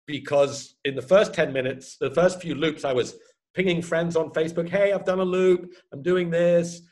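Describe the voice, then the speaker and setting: A man in his fifties, an ultra runner chatting casually about his races, self-deprecating and quick to laugh. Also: mid-range voice. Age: 50s. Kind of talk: casual chat.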